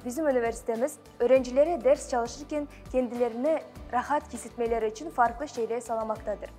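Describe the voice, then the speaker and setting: Young student woman, highish mellow voice, presenting over soft music. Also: brisk. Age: young adult. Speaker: university student. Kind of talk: prepared presentation.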